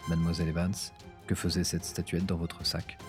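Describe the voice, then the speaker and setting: A man's voice: low voice, completely flat delivery, a little fast, music in the background, natural voice. A man voicing a composed male museum director who speaks courteously but firmly in an audiobook. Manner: courteous, firm. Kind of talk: audiobook character voice.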